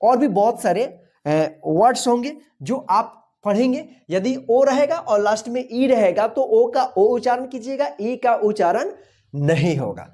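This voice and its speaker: A woman with a fairly high but mellow voice teaches pronunciation in a classroom manner. She spells each word slowly, letter by letter, then says it again and again, asking what it should be read as. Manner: patient, repeats each word and asks "what will we read?". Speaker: English teacher. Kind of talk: classroom-style phonics lesson.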